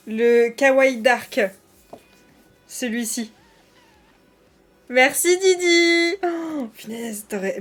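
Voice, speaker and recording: A woman chats to her viewers during a live stream, her voice sitting a little high. She talks loosely and warmly to her chat, full of fillers and restarts.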